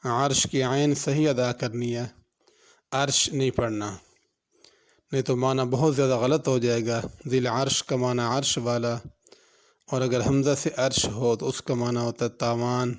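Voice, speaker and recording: Smooth-voiced man teaching Quran pronunciation. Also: medium pitch, flat delivery. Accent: Pakistani Urdu. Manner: recites verses slowly and drawn out, then explains letter by letter. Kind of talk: tajweed lesson with slow recitation.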